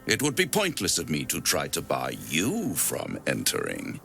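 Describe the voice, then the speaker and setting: A man's voice: rumbling low, huge pitch swings, a little slow, creaky, fairly bright tone, exaggerated voice. A man playing a suave, smug, teasingly menacing devil in a video game, speaking in an ornate, theatrical way and relishing each word. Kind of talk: dramatic video game voice acting.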